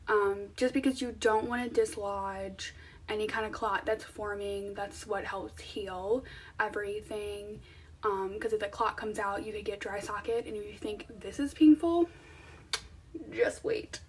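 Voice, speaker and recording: A woman's voice: mid-range voice, little pitch movement, a little slow, distant mic, a little hiss or hum. A young woman talking casually to viewers in an informal, conversational vlog style. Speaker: vlogger. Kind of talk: casual chatty vlog to camera.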